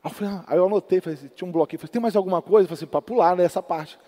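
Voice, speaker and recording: A male pastor preaching a sermon from Brazil, swinging between loud exhortation and soft storytelling. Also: high-pitched, very fast. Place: large church hall. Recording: long church hall reverb.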